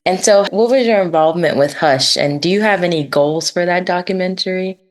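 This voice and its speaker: A woman interviewer with a notably low-pitched voice asks short, thoughtful questions. Her manner is calm and reflective in a casual conversation. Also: a little fast.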